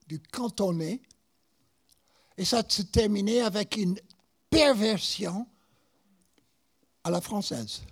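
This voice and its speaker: Animated American-accented man preaching. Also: high-pitched, vocal fry, breathy edge. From United States. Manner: animated storytelling with repeated words. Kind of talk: sermon.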